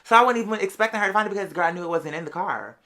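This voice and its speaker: This is a live show or podcast host with a medium-pitched voice, delivering a loose storytelling monologue about her own life. The tone is sassy and animated, packed with slang, drawn-out emphatic words, and "girl" aimed at listeners.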